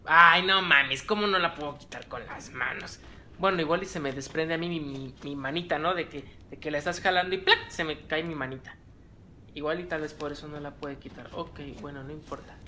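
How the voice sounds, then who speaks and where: A man's voice: fairly high pitch, fairly quick, sharp tone, slight background noise. A man with a Mexican accent commenting on a horror game he is playing. He talks nervously, muttering to himself and yelping at scares. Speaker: let's play gamer.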